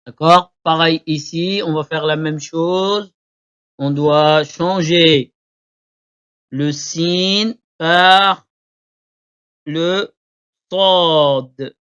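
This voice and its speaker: A man teaching Arabic letters to beginners, repeating each word slowly for learners to copy. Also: fairly high pitch, fairly even intonation, fairly bright tone, clean tone. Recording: dull lo-fi recording.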